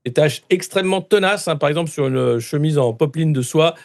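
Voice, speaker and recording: A man's voice: a little high, fairly quick, gravelly. A man doing a pompous eco-militant spokesman. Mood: self-serious. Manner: earnest, pompous slogans with hesitant fillers. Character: solemn male eco-militant spokesman, self-serious.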